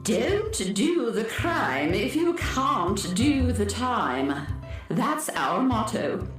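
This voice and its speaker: A woman's voice: on the high side, big pitch swings, very slow, music in the background, heavily acted. A woman playing a stern, pompous alien governess in a children's radio comedy, imperious and haughty as an unbending jailer. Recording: heavily echoing voice.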